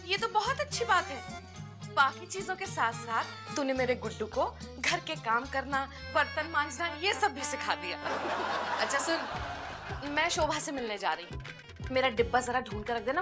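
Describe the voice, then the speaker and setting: A woman's voice: sits high, very animated, normal speed. An actress playing a nagging, suspicious older mother-in-law in a TV comedy serial, sweetly needling her daughter-in-law. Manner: needling, then sweetly apologetic. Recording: TV serial with loud music.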